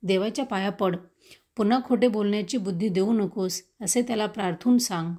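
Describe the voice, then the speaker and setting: A woman's voice: mid-range voice, fairly quick, warm tone, lightly acted. A woman voicing a stern, loving village mother who firmly scolds her son in a read-aloud story.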